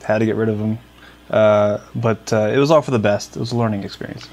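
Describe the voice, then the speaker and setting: A man's voice: on the low side, fairly even intonation, fast, darkish tone. A young man co-hosting a casual podcast, rambling with frequent restarts and fillers. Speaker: podcast co-host. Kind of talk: casual chat.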